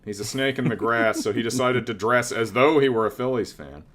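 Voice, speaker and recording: A man's voice: mid-range voice, brisk, fairly bright tone, slight background noise. A man in his late thirties co-hosting a podcast, chatting casually with dry, sarcastic teasing. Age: late 30s. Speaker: podcast co-host. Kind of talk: casual chat.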